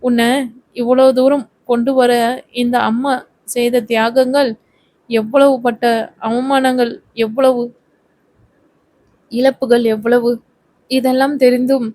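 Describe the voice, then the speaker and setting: A woman's voice: fairly high pitch, level tone, takes it slowly, long pauses, dark tone, dry recording. A woman voicing a scheming middle-aged mother who guilt-trips her actress daughter. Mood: reproachful. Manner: guilt-tripping, self-pitying.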